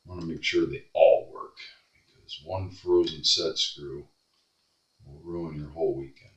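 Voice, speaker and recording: Low, slow-talking man muttering at a workbench. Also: steady tone, far from the mic, muffled recording. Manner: muttering to himself, grumbling and cursing at the work. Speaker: guitar repair tech. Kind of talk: workbench commentary. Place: workshop bench. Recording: echoey room, voice off-mic.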